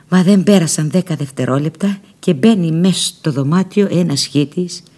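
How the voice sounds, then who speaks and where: A woman narrating a first-person novel aloud in an expressive, dramatic storytelling manner. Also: fairly low pitch, husky. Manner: expressive, dramatic storytelling with lively shifts in loudness. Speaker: audiobook narrator.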